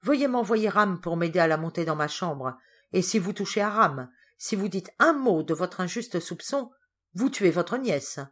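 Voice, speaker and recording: A woman's voice: low voice, lively intonation, moderate pace. A woman voicing a proud, scornful governess cousin in an audiobook. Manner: scornful, reproachful.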